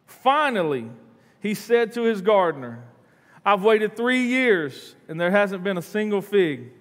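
A man's voice: high-pitched, big pitch swings, a little slow, a bit bright. A man, preaching a sermon in earnest from a church stage. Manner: earnest, repeats words, paces the stage. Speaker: pastor. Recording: long hall reverb in a church.

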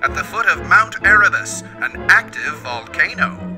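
A man reads an old-fashioned newsreel narration in a formal, declamatory announcer's style. His voice sits high and bright in pitch. Music plays clearly under his words. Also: expressive, moderate pace.

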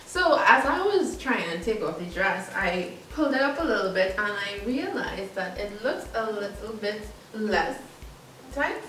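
A young woman talks her way through a clothing try-on haul, chatty and giggly with a self-conscious edge. She sounds set back from the camera in a roomy, echoing space. A clear hiss of noise sits behind her. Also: mid-range voice, animated, measured pace, a bit bright. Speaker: vlogger. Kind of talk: casual try-on haul chat. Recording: echoey room from far off.

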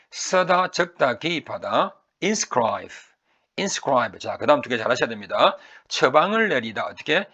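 Gravelly Korean vocabulary teacher drilling words. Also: male voice, mid-range voice, sharp tone. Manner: drills pronunciation with repeated words, stretched slowly; asks and answers his own questions. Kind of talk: recorded vocabulary lecture.

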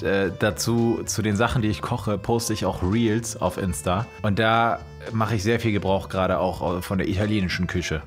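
A man in his thirties giving casual, joking reaction commentary at a studio mic in a small room. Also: fairly low pitch. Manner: joking, teasing asides. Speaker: streamer reacting to a dating show. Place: small cozy room at home. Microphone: studio mic in front of face.

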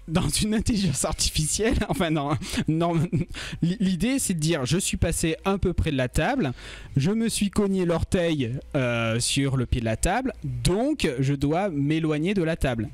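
A man's voice: fairly high pitch, dry recording. A man co-hosting a casual livestream, talking in a chatty way, explaining things step by step and quizzing his co-host and the chat. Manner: frequent fillers and restarts. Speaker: stream co-host.

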